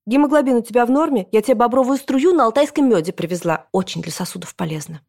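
Bossy, fussy grandmother over 60 for a storybook audiobook, pushy and insistent, voice pitched high and loud, put on by a woman reader. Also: expressive, fast, gravelly. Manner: insistent, lists remedies.

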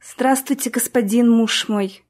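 A woman voicing a shy, tender young noblewoman, speaking softly and hesitantly in an audiobook reading. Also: on the high side, steady tone, a little slow, natural voice.

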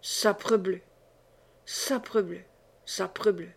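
A woman's voice: fairly high pitch, normal speed, close to an everyday voice. A woman reading the part of a blustering, swearing knight commander in an audiobook. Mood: dismayed.

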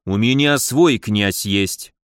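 A stubborn middle-aged guard sergeant, voiced by a man reading an audiobook, speaking low and deliberately. His manner is measured and insistent. The recording is dry and close. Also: no echo. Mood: stern.

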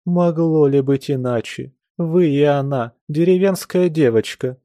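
A man's voice: fairly high pitch, measured pace, dark tone, no echo, clean studio sound, pitched above the performer's own voice. A man reading an audiobook, voicing a prying, coquettish society lady who coaxes and insists, eager for gossip. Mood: coaxing, prying.

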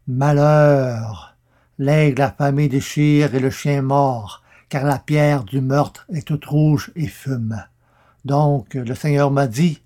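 A man's voice: medium pitch, a little mellow, natural voice. A man voicing a wrathful old prophet, declaiming curses in solemn, thundering verse.

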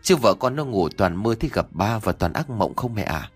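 A skeptical young husband in a spoken story, calm and reassuring, his voice dropping low and quiet, as the narrator puts him on. Soft music sits faintly behind. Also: normal speed, slightly rough, heavily acted.

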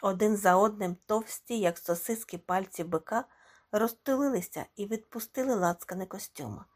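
A woman reading a short story aloud as audiobook narration, expressive and dramatic. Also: medium pitch, normal speed. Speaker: audiobook reader. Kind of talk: scripted narration.

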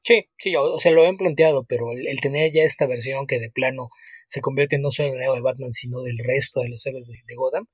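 A man co-hosting a podcast in casual chat, talking quickly with small restarts. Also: medium pitch, husky, dry recording. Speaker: podcast co-host.

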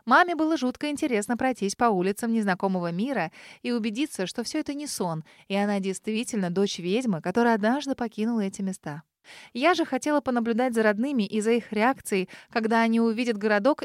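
A woman's voice: a little high, fast, no echo. Woman narrating an audiobook, dry sound. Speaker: audiobook reader. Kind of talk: first-person audiobook narration.

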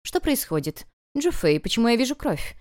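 A woman's voice: on the high side, sing-song, normal speed, darkish tone, voice pushed up. A woman voicing a stern noble aunt who gives cold, commanding orders.

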